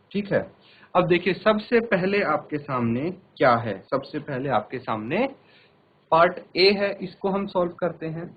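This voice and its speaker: A man's voice: sits high, breathy edge, phone-quality sound. A man teaching a televised maths class in Hindi-accented speech, patiently addressing children and repeating each step.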